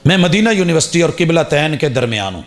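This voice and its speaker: A man preaching a sermon, shifting from quiet storytelling to loud shouted calls, full of rhetorical questions and repeated phrases. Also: on the high side, very animated.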